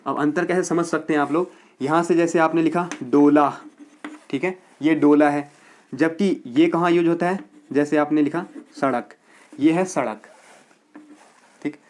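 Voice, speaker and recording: A male teacher giving a grammar lecture for exam students, explaining step by step, checking in often and slowly repeating words to show how they are pronounced. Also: on the high side, a little hiss or hum.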